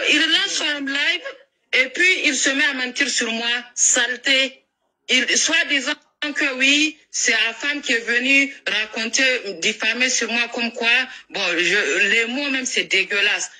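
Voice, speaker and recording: A woman's voice: a little high, unhurried, pushed and bright. A woman trading insults in a heated live-stream clash, ranting with scorn.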